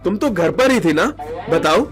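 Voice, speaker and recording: A man voicing an earnest young husband and son in an animated story, gently reassuring. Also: high voice, normal speed. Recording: background music under the voice.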